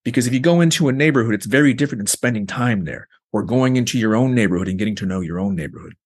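A man's voice: mid-range voice, rapid-fire, slightly rough. A man, a researcher guest in an interview, explaining his ideas at length with frequent "like" and "you know". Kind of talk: conversational interview.

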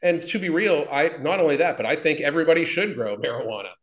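A man's voice: on the high side, fast, slight background noise. A man in his fifties, talking bluntly and with lots of swearing, rambling with restarts as an interview guest. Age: 50s. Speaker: interview guest, fitness business owner. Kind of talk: casual interview talk. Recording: echoey room.

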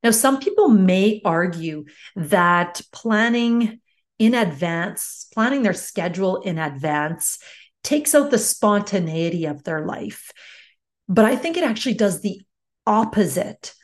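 Female podcast coach, unhurried and measured, medium pitch, speaking encouraging step-by-step advice directly to the listener. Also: expressive. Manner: measured, deliberate explaining with pauses between phrases; instructional, encouraging self-help address to the listener. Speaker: life coach podcast host.

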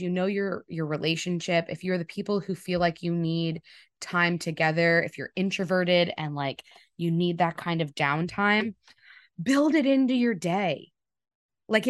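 Southern woman host in her thirties, low-pitched, dry close sound, casual podcast chat, frank and chatty. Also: no echo. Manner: candid, chatty, swears freely, acts out quotes. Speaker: podcast host and wedding photographer.

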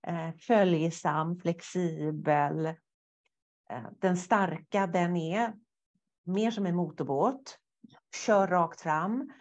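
A woman guest therapist speaking thoughtfully with some hesitations, animated when acting out inner thoughts. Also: fairly low pitch, highs cut off. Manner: thoughtful, hesitant with fillers, lively when quoting inner voices. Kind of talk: conversational interview.

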